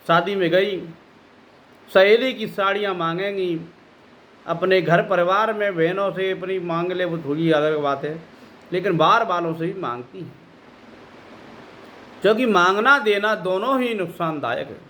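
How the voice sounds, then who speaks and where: A man's voice: high-pitched, unhurried, long pauses, a bit bright, slight background noise. A male spiritual teacher giving a devotional talk, scolding and admonishing his listeners. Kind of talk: devotional discourse.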